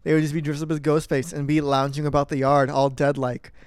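A man co-hosting a podcast in a casual review chat, with a deadpan, skeptical way of talking. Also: on the high side, a little fast, clear, resonant tone, no room sound, clean studio sound. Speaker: podcast co-host.

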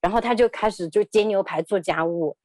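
A woman's voice: medium pitch, fairly quick, a little mellow, dry recording. A woman in her thirties telling a personal story as an interview guest, hesitant, often repeating words and laughing.

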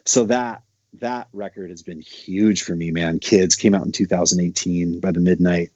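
A man in his thirties from Montana, a bass player talking loosely with lots of fillers. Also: steady tone, moderate pace, warm tone, no echo, highs cut off. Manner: loose, rambling storytelling with many fillers. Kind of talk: casual conversation.

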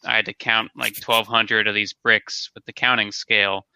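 A man's voice: on the low side, level tone, normal speed, gravelly, sharp tone, clean tone, no echo. A man co-hosting an online talk show, chatting casually as a store owner, rambling and repeating his words. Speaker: podcast co-host, toy brick store owner. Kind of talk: casual chat.

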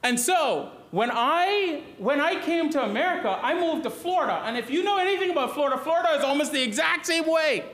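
A man's voice: extremely high pitch, expressive, fairly quick, hardly any pauses, fairly bright tone. A man from the Bahamas preaching a sermon as pastor, earnest and questioning, often repeating and restarting his words.

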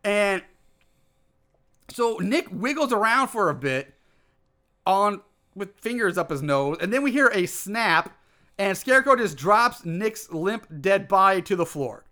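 A man co-hosting a podcast, retelling a movie in a halting, informal way. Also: high-pitched, sing-song, pushed and bright. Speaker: podcast co-host. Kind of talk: casual movie recap chat.

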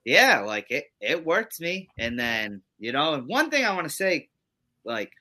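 Man, podcast co-host, animated rambling chat, swings his pitch a lot, bright tone. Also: measured pace. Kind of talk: casual wrestling podcast chat.

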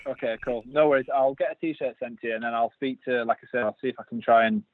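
An Englishman with a Yorkshire accent, speaking fast at a medium pitch in a steady tone, chats easily as a guest on a remote interview. He's a brewery designer, casual and a bit self-deprecating, using lots of fillers. The line is dry and phone-like, with no echo.

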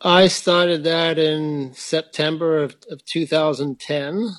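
A man's voice: on the high side, fairly even intonation, slow pace, a bit bright, no room sound. Middle-aged man explaining at length. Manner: thoughtful, explanatory, hesitant restarts. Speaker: frame-building teacher, guest. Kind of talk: conversational interview.

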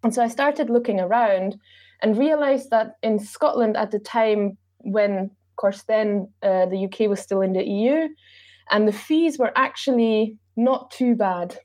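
A woman's voice: medium pitch, a little slow. Austrian woman chatting in an interview. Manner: relaxed, chatty, with filler ums. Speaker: travel blogger and podcast guest. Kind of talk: casual interview answers.

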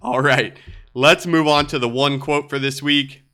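A man's voice: mid-range voice, steady tone, measured pace, bright, forceful tone. Upbeat man hosting a podcast, slightly nasal. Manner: laid-back, upbeat, frequent "right?". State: nasal from a cold. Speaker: podcast host. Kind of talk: solo podcast episode.

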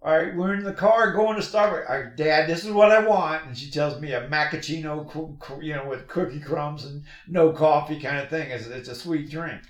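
A man's voice: fairly high pitch, moderate pace, hardly any pauses. A middle-aged man hosting a podcast, rambling through stories in a casual chat with plenty of restarts and laughs. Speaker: podcast host. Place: work shop with machines. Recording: roomy echoey shop recording.

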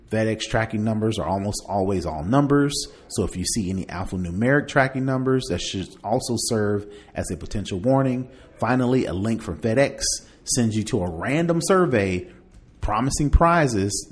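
With a lowish voice, lively intonation and a moderate pace, a man hosts a podcast, chatting informally about tech news and reading some of it aloud.

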